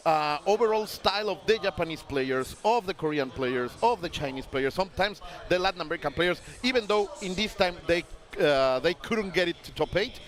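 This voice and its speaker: A man doing live esports commentary on a fighting game tournament, with non-native phrasing. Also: fairly high pitch. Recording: loud music and crowd behind. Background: tournament music and crowd.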